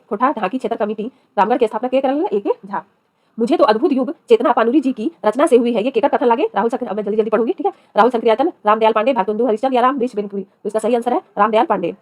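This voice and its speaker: A woman's voice: a little high, very fast, a little mellow, no echo. A woman teacher reads exam practice questions, then gives each answer, switching between a regional dialect and standard Hindi. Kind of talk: reading quiz questions and giving answers.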